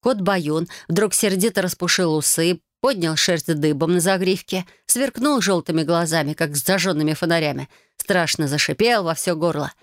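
A woman narrating a first-person fantasy audiobook with a lively, expressive storytelling reading. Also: lowish voice, moderate pace, few pauses, no echo, studio quality.

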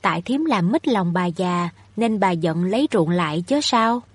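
A woman's voice: on the low side, lively intonation, normal speed, husky, no room sound. A woman voicing a haughty wealthy young woman in a storybook reading, scolding and overbearing. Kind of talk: audiobook reading of a novel.

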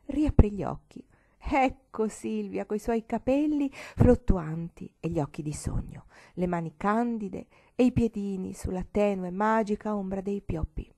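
A woman reads a storybook aloud with a mellow, warm tone. Her reading is expressive, and her voice sometimes drops to a whisper. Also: medium pitch. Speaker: audiobook reader.

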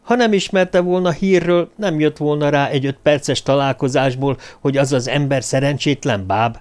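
A man's voice: on the high side, darkish tone, clean tone, close to an everyday voice. A man voicing a heated, defiant young man. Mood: heated accusing. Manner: heated, raised voice.

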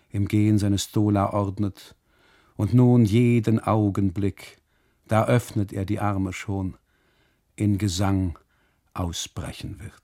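An actor playing a brooding, ironic German husband who narrates a radio drama monologue in long ornate sentences. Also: male voice, fairly low pitch, dark tone, dry recording, clean studio sound. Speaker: first-person narrator.

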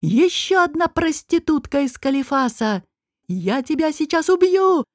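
A woman voicing a furious young male prince who shouts in rage. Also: a little high, moderate pace, no room sound, clean studio sound, lightly acted. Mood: enraged. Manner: shouting, enraged.

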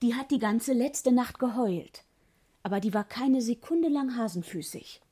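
A woman's voice: a little high, animated, a little slow, mellow, husky. A woman in her twenties playing a nervous but earnest young suffragette in a radio drama. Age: 20s. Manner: earnest, fretful.

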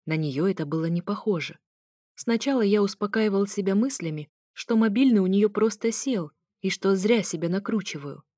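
A woman reading a first-person story aloud as scripted narration, in a steady storytelling manner. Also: mid-range voice, moderate pace, no echo, studio quality. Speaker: audiobook reader.

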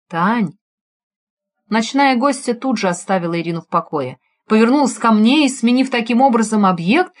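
A woman narrates a crime story aloud, her voice rising and falling with lively, animated pitch. Her delivery is dramatic and expressive, in audiobook storytelling style. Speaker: audiobook reader. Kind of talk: first-person scripted narration.

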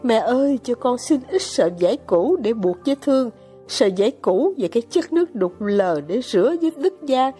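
A woman voicing a shrill, bossy feverish young girl. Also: animated, moderate pace, faint music behind, close to an everyday voice. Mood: fussing eager. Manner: urgent, bossy, near-shouting pleas. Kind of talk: audiobook character voice.

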